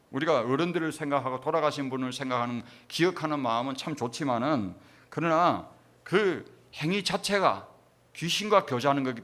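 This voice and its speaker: A man's voice: mid-range voice, fairly bright tone. A middle-aged man, a pastor preaching a sermon with emphatic rhetorical questions to his congregation.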